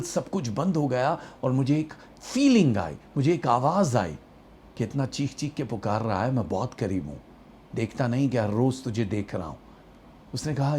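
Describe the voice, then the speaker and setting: Storyteller, male, mellow tone, acts out quoted dialogue, faint room hiss. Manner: animated storyteller, acts out quoted dialogue, rising emotional pitch. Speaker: actor and astrologer telling a personal story. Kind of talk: storytelling monologue.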